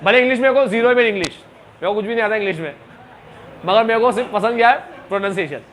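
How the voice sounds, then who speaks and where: A man's voice: high-pitched, rapid-fire, fairly bright tone. A man teaching a class, chatty and joking, mixing Hindi and English terms. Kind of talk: classroom lecture.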